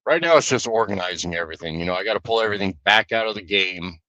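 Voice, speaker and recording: Bright-voiced man on a casual live stream. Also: fairly low pitch, no echo, muffled recording. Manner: loose, rambling, with fillers and restarts. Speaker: streamer and guild leader.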